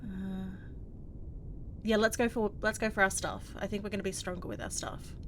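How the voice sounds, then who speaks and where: A woman's voice: medium pitch, lively intonation, moderate pace. A woman player in a tabletop game casually talks through her character's moves, filling gaps with likes and ums. A faint noise sits under her voice. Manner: casual, describes actions with many fillers.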